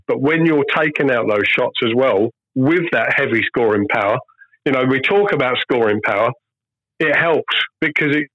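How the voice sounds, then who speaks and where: A man's voice: medium pitch, dry recording. Man on a dull, dry lo-fi line. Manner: earnest, emphatic, repeats key phrases. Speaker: guest, former professional darts player. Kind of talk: casual phone-in chat.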